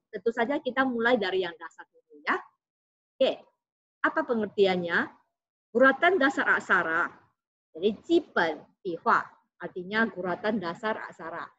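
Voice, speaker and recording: A woman's voice: medium pitch, a bit bright, no room sound, lo-fi sound. A woman teaching a Mandarin lesson, patiently asking the class questions and answering them herself. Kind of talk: classroom lesson explaining Chinese characters.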